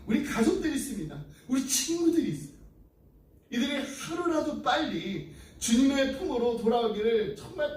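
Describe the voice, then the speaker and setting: A pastor with a high voice delivers an earnest sermon. The sound is roomy and a bit distant, picked up from across a church sanctuary. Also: male voice, a little mellow. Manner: earnest preaching, closing in prayer. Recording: echoey room, distant mic.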